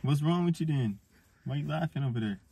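A man's voice: on the high side, animated, fairly quick, gravelly, dark tone, husky. A man hosting a vlog, teasing and rambling jokily through a blindfolded date skit. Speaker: vlog host.

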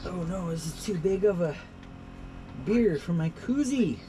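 A man's voice: high-pitched, unhurried, noisy background. A middle-aged man vlogging casually inside a small truck camper at night, chatty and laid-back, with frequent fillers and easy laughs. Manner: relaxed, chatty, laughs often, many fillers. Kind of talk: casual vlog talk to camera.

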